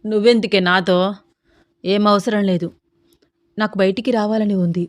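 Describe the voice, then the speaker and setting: A woman voicing a heartbroken young male doctor who drinks and smokes, gruff and dismissive. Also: medium pitch, steady tone, moderate pace, no room sound, clean studio sound, natural voice. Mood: bitter, angry.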